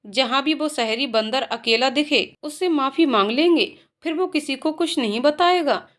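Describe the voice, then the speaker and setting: A woman's voice: sits high, normal speed, a bit bright. A woman voicing a mischievous, anxious young village girl in a storybook reading. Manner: pleading, flustered.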